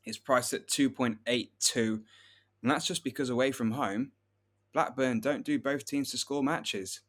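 A man co-hosts a football betting podcast in a relaxed, conversational tone. He walks steadily through prices and recent form. His voice sits in an ordinary middle range. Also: mid-range voice, unhurried. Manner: relaxed, steady run through odds and trends. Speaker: podcast co-host, betting tipster. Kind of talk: casual football betting chat.

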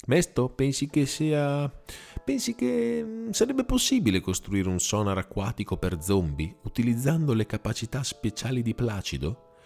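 A man's voice: mid-range voice, sing-song, normal speed, creaky, a little mellow, soft background music, pitched above the performer's own voice. A man doing an eager little zombie girl. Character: excited zombie girl, hopeful and inventive.

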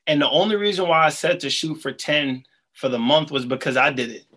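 A man's voice: fairly high pitch, a little fast, bright, forceful tone. Slangy motivational podcast host, man. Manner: slangy, hype, addresses listeners as entrepreneurs. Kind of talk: casual motivational chat.

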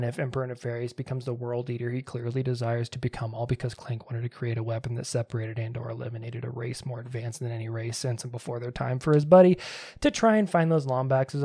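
A man hosting a podcast, recapping a game in a loose and sarcastic way. His voice is gravelly, with a fry at the ends of phrases, and sits at an ordinary middle pitch. He swears freely and wanders off on tangents. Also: dark tone. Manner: profane, sarcastic and rambling. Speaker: podcast host.

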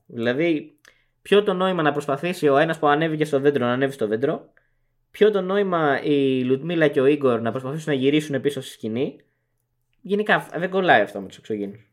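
Άντρας συνδιαχειριστής podcast, αναλυτικός. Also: male voice, a little high, animated. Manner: analytical, lists arguments point by point. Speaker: podcast co-host. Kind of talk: casual podcast discussion.

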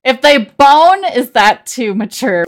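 A woman's voice: high-pitched, sing-song, slow pace, heavy background noise. A young adult woman co-hosting a podcast in casual chat, laughing often. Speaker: podcast co-host.

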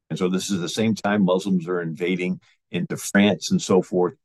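A man with a very low, husky voice recounts history in a loose, informal way. He pauses on fillers and restarts his sentences as he tells the story. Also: a little mellow. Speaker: history lecturer.

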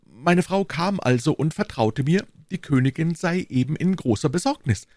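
A man's voice: fairly high pitch, animated, moderate pace, a little mellow, dry recording, studio quality, pitched above the performer's own voice. A man voicing a talkative, deferential married man who confides at length in a polite, rambling way. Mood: confiding.

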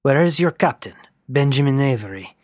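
A man's voice: medium pitch, animated, fairly quick, no echo, clean studio sound, natural voice. A man voicing a commanding adult male lieutenant giving terse orders in a science-fiction story. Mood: stern.

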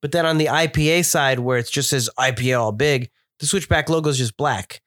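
A man's voice: mid-range voice, a little fast, a bit bright, dry recording. A man chats eagerly about what he sees, his voice a little stuffed up from a cold. He sits in an ordinary mid range for a man and is recorded close with no room sound around him. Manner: chatty, descriptive, enthusiastic. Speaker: podcast co-host reviewing beer. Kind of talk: casual chat.

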